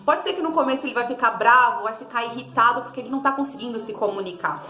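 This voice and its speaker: A parenting vlogger with a Brazilian Portuguese accent gives casual advice to the camera, chatty and repetitive, now and then switching to a high sing-song voice to show how to speak to a toddler. She talks fast with a sharp tone, in an echoey room.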